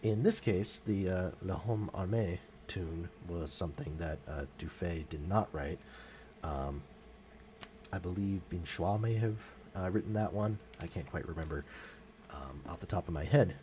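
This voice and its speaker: This music vlogger, a native English speaker, chats informally about music history for his channel at a measured pace. His voice sits low and mellow, and he stumbles often with ums and self-corrections. There's a little hiss or hum in the audio.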